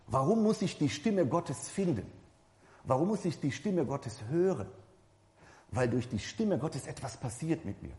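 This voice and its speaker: Male preacher, warm low-key timbre, loose and chatty sermon delivery, long church-hall reverb. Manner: conversational, addresses the congregation directly, repeats and corrects himself.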